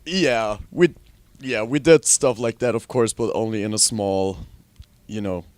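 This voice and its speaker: Young Austrian-born musician, chatty and dry. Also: male voice, fairly low pitch, unhurried, no room sound. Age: young adult. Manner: relaxed, rambling, frequent ums. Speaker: guitarist and singer. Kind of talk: casual interview.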